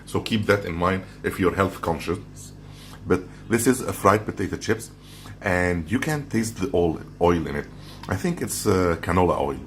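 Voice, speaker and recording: Low-voiced guy doing a casual snack review vlog, crunching chips as he talks, some noise behind him. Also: lively intonation, normal speed. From outside the Philippines. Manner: talking while handling and crunching chips. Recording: clearly noisy background.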